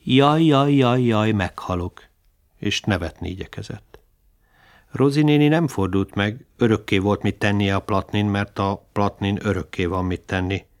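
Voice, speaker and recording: Man, low voice, audiobook narrator, measured reflective reading.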